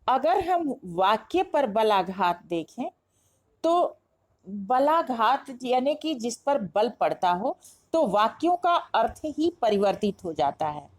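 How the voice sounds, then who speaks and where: A woman teaching a grammar lesson, explaining step by step and asking herself questions before answering them. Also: fairly high pitch. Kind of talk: classroom-style lesson explanation.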